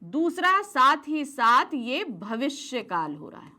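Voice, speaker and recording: A woman with a high, bright voice teaches a grammar class, and her pitch rises and falls a lot as she explains. She asks the class questions and then answers them herself, checking in again and again to make sure everyone is following. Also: very animated, slow pace. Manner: checks in often with "ठीक है?".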